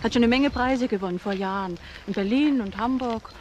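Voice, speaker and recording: In a German crime radio drama, an actress plays a frank, chatty single mother, an office employee questioned as a witness, explaining things in a conversational way. Her voice is on the high side, fairly quick and a little mellow, close to an everyday voice. The audio is dull with slight background noise.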